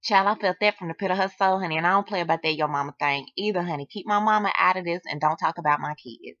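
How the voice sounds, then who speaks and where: A woman's voice: on the low side, fast talker, fairly bright tone, no room sound. A woman hosting a reality TV recap in a sassy, chatty style, calling her viewers "honey.". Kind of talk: casual commentary. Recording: dull lo-fi, dry.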